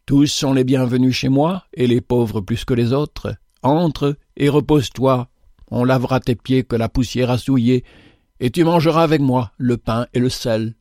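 A man voicing an old, kindly father who cries out in a high, loud voice. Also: moderate pace, dry recording, studio quality, natural voice. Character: wealthy old father, kindly, then frantic.

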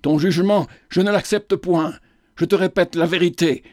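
A man voicing a stern, respectable gentleman who reproves indignantly. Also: high-pitched, fairly even intonation, normal speed, no echo, clean studio sound, lightly acted.

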